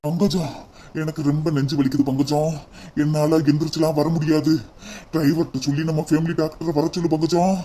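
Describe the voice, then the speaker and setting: A man's voice: fairly high pitch, flat delivery, brisk, mellow, a little hiss or hum, lightly acted. A man voicing a rich, dramatic older businessman in a cartoon comedy, groaning and lamenting in a Tirunelveli Tamil accent.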